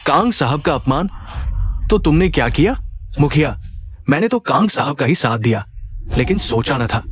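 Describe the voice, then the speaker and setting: A male voice actor playing a blustering middle-aged village bully in a dubbed drama, loud and threatening. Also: on the high side, animated, normal speed, crowd noise, natural voice. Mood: fawning. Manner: loud, threatening, then fawning. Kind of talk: Hindi-dubbed drama acting.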